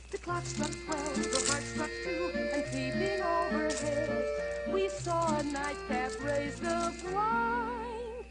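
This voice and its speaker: A woman's voice: high voice, rough recording. A woman singing a sweet folk song.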